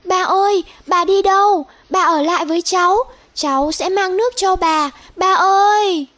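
A woman voicing a young boy who cries out, pleading in a high, loud voice in a children's story. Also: normal speed. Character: young boy, careless then frantic and pleading.

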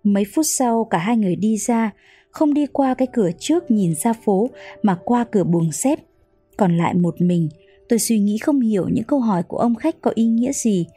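A woman reading a novel aloud as narrator, in a calm, measured storytelling manner. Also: a little high, breathy edge, soft background music. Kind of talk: audiobook narration.

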